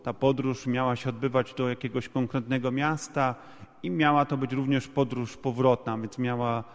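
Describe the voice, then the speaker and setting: A man's voice: medium pitch, level tone, moderate pace. A man interpreting a sermon in a church, restating each point at length with fillers. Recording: long hall reverb.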